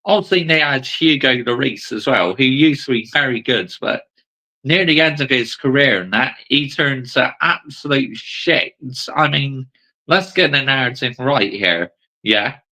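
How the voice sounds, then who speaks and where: A man's voice: medium pitch, animated, measured pace, pushed and bright, poor audio. A man hosting a football channel, reacting to a clip with blunt, casual commentary and swearing.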